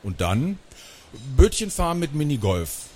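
A man's voice: fairly high pitch, sing-song, measured pace, a little mellow, voice pushed up. A man reading aloud, voicing a laid-back, greedy schoolboy with an offhand way of talking.

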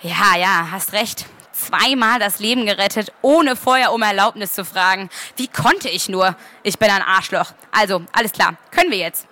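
A woman's voice: medium pitch, normal speed, few pauses, pushed and bright, lightly acted. A woman reading as a dry, serious young man. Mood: impatient. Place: book fair.

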